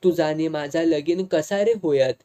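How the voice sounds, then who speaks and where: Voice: medium pitch, normal speed, dark tone, close to an everyday voice. A reader voicing a teasing, evasive young village woman with a Malvani accent in an audiobook. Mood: blunt. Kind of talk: audiobook dialogue reading.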